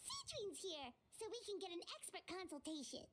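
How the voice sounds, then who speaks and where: A woman voicing a tiny, excitable fairy girl companion in a video game, bubbly and cheeky, with game music playing behind. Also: very high voice, fairly quick, noisy background, exaggerated voice. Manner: bubbly, squealing, talks about herself by name. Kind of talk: video game character dialogue. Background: game soundtrack.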